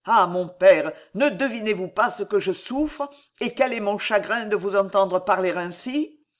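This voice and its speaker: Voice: medium pitch, unhurried, close to an everyday voice. A reader voicing an earnest young knight pleading with his father, fervent and grieving. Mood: sorrowful. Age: young adult. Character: young male knight, earnest and tormented son. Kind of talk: audiobook reading.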